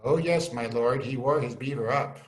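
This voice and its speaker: A man playing Horatio, Hamlet's earnest, loyal young scholar friend, in a measured, deferential Shakespearean dramatic reading over a video call. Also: medium pitch, close to an everyday voice. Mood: earnest, assured. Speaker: amateur volunteer actor.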